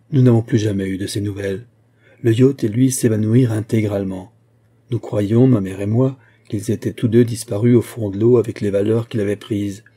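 A man voicing an anxious young man giving a long, earnest and measured account in an audiobook reading. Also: mid-range voice, warm tone, slightly rough, natural voice.

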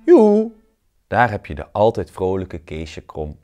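A man voicing an always-cheerful crooked vegetable in a read-aloud children's storybook, loud and upbeat. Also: low voice, wildly swooping pitch, takes it slowly, faint music behind, heavily acted. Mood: jolly.

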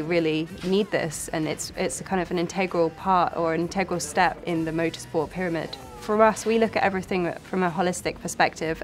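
Low, flat-toned woman co-founder. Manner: earnest, fluent, with brief restarts. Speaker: championship co-founder and director. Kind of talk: documentary interview. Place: dark studio set. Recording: music bed under voice. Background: music bed.

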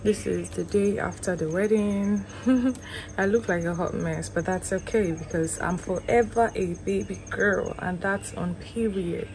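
A woman's voice: mid-range voice, a little slow, darkish tone. A young Nigerian woman vlogging with a Nigerian accent, chatting playfully and slipping into Pidgin while filming herself on a phone. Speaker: travel and lifestyle vlogger. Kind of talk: casual vlog chat. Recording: crowd chatter and street noise.

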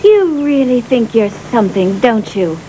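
Brief: a brash young New Yorker, high and very animated. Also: female voice, moderate pace, a little hiss or hum, rough recording. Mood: defiant. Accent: New York. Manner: brassy, mouthy. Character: brash young woman from the Bronx, feisty. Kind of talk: dubbed film acting.

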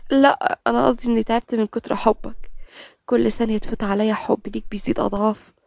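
A woman's voice: on the high side, steady tone, quick pace, vocal fry, no echo. A woman with an Egyptian accent voicing a tender young man in love. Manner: soft, affectionate.

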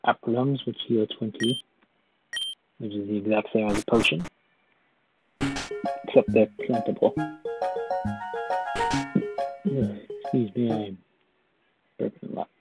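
A man giving casual, wry gameplay commentary with muttered asides, with loud game music behind. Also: fairly low pitch, fairly even intonation, a little slow, pauses often, low-quality recording. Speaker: gaming video host.

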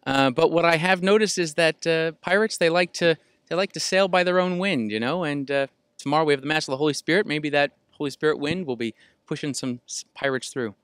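A man's voice: on the high side, a little fast, a bit bright, clear, resonant tone, no echo. A man, a priest and campus ministry director, answering casually with many fillers and good humor.

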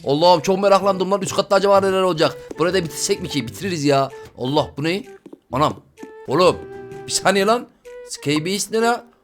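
A man with a high voice who talks fast, narrating a video game for his viewers. He keeps bursting into loud, excitable exclamations. Faint game music plays underneath. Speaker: gaming YouTuber. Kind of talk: excited let's-play commentary.

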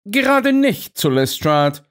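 A man's voice: on the high side, sing-song, unhurried, pitched above the performer's own voice. Sherlock Holmes, a man doing a cool detached detective voice. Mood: cool, dry. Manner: dry, detached, curt. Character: sharp, cool, aloof male detective.

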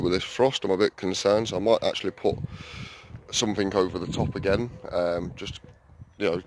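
With slight background noise, a man with a low voice rambles his way around his allotment and greenhouse for a casual vlog, shot on a phone held in hand while walking. He's chatty, wandering off into asides to viewers and saying "um" a lot.

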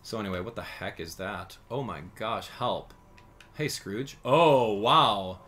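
A man's voice: on the low side, takes it slowly, fairly bright tone, a little hiss or hum. A man in his thirties hosting a video game livestream, chatting casually and animatedly with his viewers. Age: 30s. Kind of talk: casual gaming livestream commentary. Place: indoor streaming setup.

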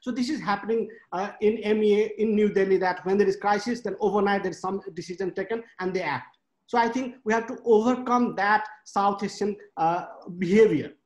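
A man in his thirties from Nepal speaks as a panelist on a webinar, frank and emphatic, counting off his points one by one. His voice sits high. He talks into a laptop webcam in a home study, and the room adds a noticeable echo. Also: fairly quick. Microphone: laptop webcam on a video call. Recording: echoey room on a video call.

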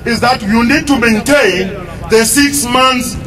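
A middle-aged South African man giving a forceful, roaring rallying speech as a union leader, with emphatic repetition. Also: very high voice, takes it slowly. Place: outdoors in a street crowd outside a building. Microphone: handheld microphone, filmed from some metres away. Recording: distant outdoor PA, crowd and vehicle noise.

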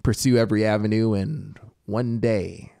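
A man in his thirties narrates a story as an audiobook, deliberate and theatrical, in dramatic scripted style, with a fairly low, creaky voice and fairly even intonation. He records indoors in a small home music studio, close to a studio microphone and wearing headphones, with a music soundscape behind him.

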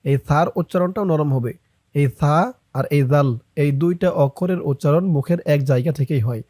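A young man teaching Quran reading, explaining each sound and then chanting the verses slowly and drawn out. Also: fairly high pitch, dark tone, no echo, clean studio sound. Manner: slow, drawn-out chanting of verses between quick spoken explanations. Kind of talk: Quran recitation lesson.

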